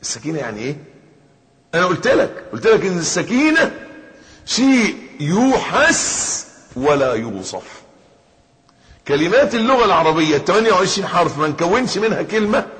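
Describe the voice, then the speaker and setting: A man with an Egyptian Arabic accent preaching a sermon, dropping to hushed reflection and then rising into loud emphatic bursts. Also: sits high, very animated, rapid-fire. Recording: long hall reverb.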